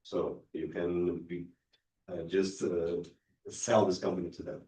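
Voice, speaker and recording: Man, lowish voice, pitch judge, friendly and hesitant, echoey room, far from mic. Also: flat delivery, unhurried, dark tone. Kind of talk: spoken feedback.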